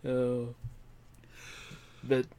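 A middle-aged man chatting casually as a podcast co-host, animated and quick to laugh. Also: mid-range voice, crowd noise. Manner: animated, laughing, shouts out quoted lines. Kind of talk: casual chat.

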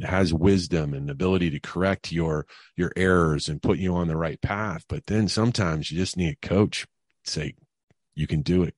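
A man's voice: sits low, no room sound, clean studio sound. A middle-aged man, a guest on an interview podcast, telling personal stories in a conversational way with many fillers and restarts. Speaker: guest, financial advisor. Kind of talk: casual interview storytelling.

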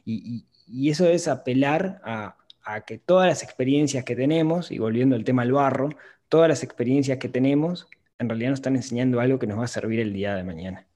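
A man's voice: medium pitch, fairly quick, mellow. A man hosting a podcast, talking thoughtfully in a casual conversation with frequent restarts. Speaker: podcast host, finance author.

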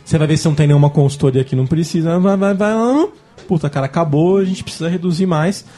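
Emphatic Brazilian man, slightly husky. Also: on the high side, quick pace, mellow. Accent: Brazilian Portuguese. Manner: slangy and emphatic, acts out dialogue as he explains. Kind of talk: casual podcast discussion.

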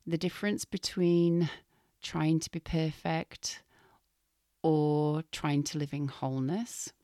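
A low-voiced woman speaks slowly and gently, her voice still recovering and now and then falling to a whisper. It sounds dry and close, with no room around it. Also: flat delivery, no echo. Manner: soft, slow and gentle, drifting into whispers. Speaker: spiritual podcast host. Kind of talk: casual spiritual podcast talk.

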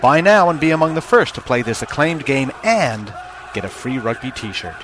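A man's voice: mid-range voice, expressive, normal speed, noisy background. A man reads a scripted hard-sell promotional advert as an announcer, urging listeners to buy.

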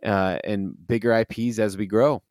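A man with a fairly low voice talks eagerly, circling back and restarting his sentences as he explains. The recording is dry and close, with no room sound around him. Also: fairly even intonation, normal speed, a little mellow, no room sound. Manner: enthusiastic, rambling with many restarts and fillers. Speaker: game designer and publisher. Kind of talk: casual interview answers.

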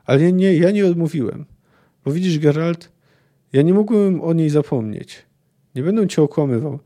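A man reading the part of an earnest, lovesick young knight, in a calm, plain voice. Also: fairly high pitch, normal speed, natural voice.

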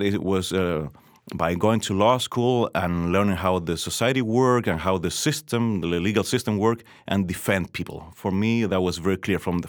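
A man's voice: low-pitched, no echo, clean studio sound. A man from Chile in his forties, a guest on a podcast interview, talking earnestly with many fillers and restarts.

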